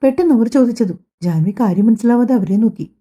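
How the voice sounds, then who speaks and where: A woman tells a family drama as an audiobook, in a calm, even storytelling voice. Her tone is very dark and mellow, with a slight breathy edge. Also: on the high side, fast. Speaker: audiobook narrator. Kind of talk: scripted story narration voicing all characters.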